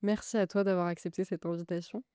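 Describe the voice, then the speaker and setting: Gentle hesitant woman podcast host. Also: lowish voice, steady tone, fast talker, clean tone, no room sound, studio quality. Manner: gentle, hesitant, many fillers. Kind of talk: interview hosting.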